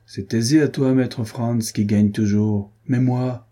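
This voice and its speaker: A drunken, hot-tempered loser at cards, as a man puts him on in an audiobook. He blusters in a raised, husky voice with a dark tone. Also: mid-range voice, measured pace. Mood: angry. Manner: blustering, angry.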